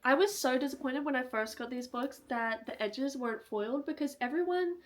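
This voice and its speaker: Young woman, rambling casual vlog chat, slightly high voice. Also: brisk. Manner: chatty, rambling, laughs often. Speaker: book vlogger. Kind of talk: casual book haul chat. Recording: soft music behind.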